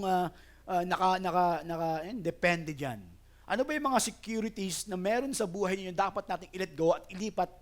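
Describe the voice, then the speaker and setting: A middle-aged Filipino man preaching a sermon in animated Taglish, telling a personal story that grows more excited. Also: a little high. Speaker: pastor.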